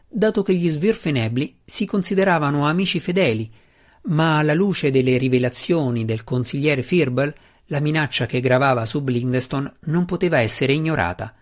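Male narrator reading a fantasy novel. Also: medium pitch. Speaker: audiobook narrator. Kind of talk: scripted narration.

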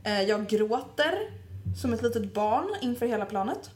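A young woman chatting casually, telling a story in an animated way and acting out what people said, with lots of filler words. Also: fairly high pitch. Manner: animated, acts out quotes, heavy filler words.

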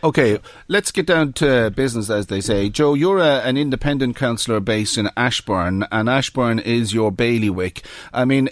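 A man's voice: medium pitch, no room sound. Prodding Irish male radio presenter, dry sound. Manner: brisk, prodding, interjecting. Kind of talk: live current affairs interview. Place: radio studio. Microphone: studio microphone.

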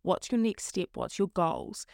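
A woman hosting a solo motivational podcast, talking in an earnest, encouraging way with a slightly croaky voice. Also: lowish voice, sing-song, measured pace, darkish tone, dry recording, clean studio sound. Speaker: podcast host.

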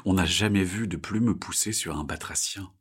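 Husky man reading a children's tale. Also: low voice, moderate pace. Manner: expressive, gentle. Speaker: storyteller.

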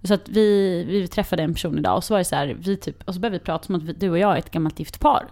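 A woman's voice: lowish voice, darkish tone. A young woman co-hosting a podcast, joking and teasing in casual chat. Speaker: podcast co-host.

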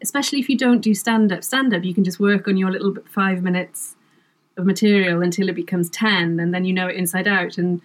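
A middle-aged Welsh woman whose first language is Welsh appears as a guest in a casual interview chat, talking about her work as a comedy writer. Her voice sits on the low side with fairly even intonation and a slightly fast pace, and she's self-deprecating and laughs often.

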